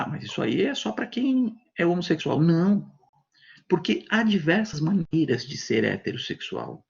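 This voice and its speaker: A Brazilian man lectures to students over a video call, his fairly high voice gravelly and husky. He talks conversationally and slips into acted-out voices for his examples. The sound is dull and lo-fi. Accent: Brazilian Portuguese. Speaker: university lecturer. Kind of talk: online class lecture.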